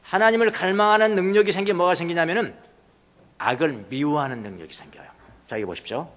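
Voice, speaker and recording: A male pastor preaching a sermon in a church, swinging from hushed asides to loud exclamations. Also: fairly high pitch, fast. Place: church sanctuary. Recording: long reverb of a church hall.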